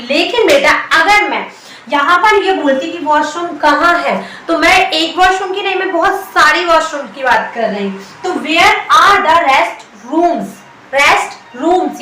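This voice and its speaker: A woman teaching a spoken English lesson, addressing viewers affectionately as children and repeating each phrase very slowly. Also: sits high, sharp tone, slight background noise. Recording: echoey room, heard from a distance.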